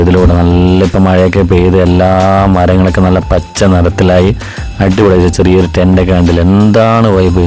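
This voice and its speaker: A man's voice: sits low, mellow. A man with a Kerala Malayali accent gives casual, enthusiastic travel vlog commentary, mixing English words into his speech. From Wayanad, Kerala, India. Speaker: travel vlogger. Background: background music.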